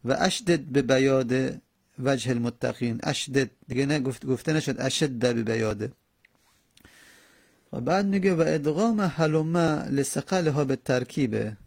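Gravelly husky male teacher. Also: mid-range voice, expressive, a little mellow, no room sound, studio quality. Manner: reads a text line by line and explains it, slow drawn-out example words. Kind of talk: classroom grammar lesson.

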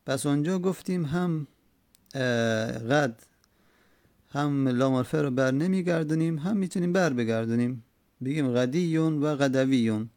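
A man explaining an Arabic grammar text in a slow, repetitive way, with many hesitations. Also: medium pitch, darkish tone, no echo, clean studio sound.

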